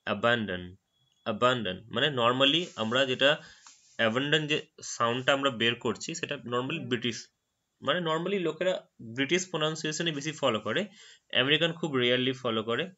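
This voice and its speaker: Man, Bengali native speaker, English vocabulary tutorial, bright ringing voice, slightly dull lo-fi sound. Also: medium pitch. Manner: explains patiently, repeats words slowly after a dictionary audio. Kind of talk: screen-recorded tutorial narration.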